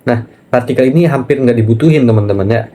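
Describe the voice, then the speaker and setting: A man teaching a casual online language lesson, chatty and relaxed, often pausing on fillers and speaking to viewers as friends. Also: medium pitch. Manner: chatty, keeps saying "nah" and addressing viewers as friends.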